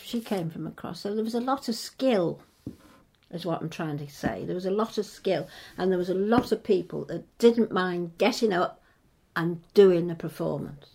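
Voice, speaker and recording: A woman's voice: on the low side, moderate pace, creaky, warm tone, breathy edge. An older woman from England reminiscing in casual conversation, hesitant and rambling as she circles back to rephrase. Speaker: interviewee recalling local history.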